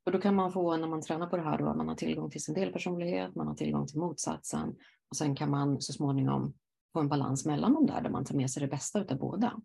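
A woman hosting a conversation as a therapist, explaining ideas slowly and reflectively with frequent affirming murmurs. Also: sits low, gravelly, mellow, slightly rough. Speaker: podcast host, psychosynthesis therapist. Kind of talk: calm conversational interview.

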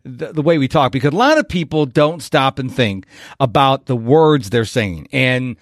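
A man hosting a podcast, talking with energetic enthusiasm and lots of swing in his voice. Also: medium pitch, moderate pace, no echo, studio quality. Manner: energetic, animated, enthusiastic delivery. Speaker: podcast host. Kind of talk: upbeat podcast interview.

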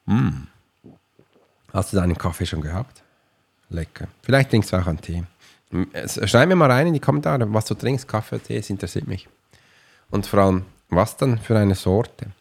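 A low-voiced man with a gravelly, creaky edge, hosting a casual motivational podcast. He rambles in a chatty way, restarts his sentences and turns to the listener often, as a coach would. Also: expressive, normal speed, pauses often. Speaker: podcast host and online course coach.

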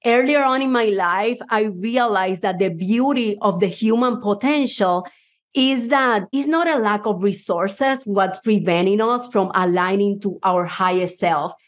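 Speaking to a live audience, this woman, a mindset coach from Cuba with Spanish as her first language and a Puerto Rican accent, delivers motivation full of enthusiasm and personal storytelling. Her voice is medium-pitched and unhurried.

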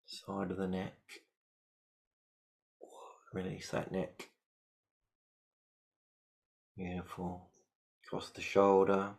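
Slow, gravelly low-voiced man guiding meditation. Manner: calm, repetitive step-by-step instructions, often murmuring "beautiful". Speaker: meditation guide. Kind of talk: guided shamanic meditation.

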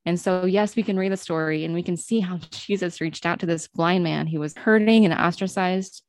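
A woman's voice: fairly low pitch, moderate pace. A woman talking earnestly about prayer and scripture, asking many questions and using "like" often. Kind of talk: reflective Bible teaching chat.

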